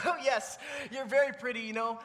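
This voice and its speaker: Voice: medium pitch, steady tone, normal speed, a bit bright, lightly acted. A performer voicing a cheerful, naive adult male elf who is eager and childlike. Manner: wide-eyed, eager and childlike. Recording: long hall reverb.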